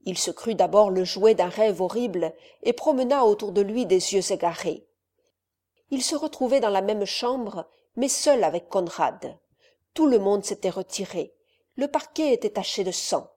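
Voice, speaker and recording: Woman narrating a novel, mellow voice. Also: mid-range voice. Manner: measured, expressive reading.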